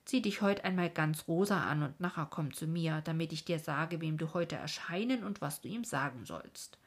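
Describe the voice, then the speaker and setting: A woman voicing a kindly, somewhat fussy old King of Dreams in a storybook reading, speaking warmly and patiently with a breathy voice. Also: low-pitched, animated, normal speed, full character voice.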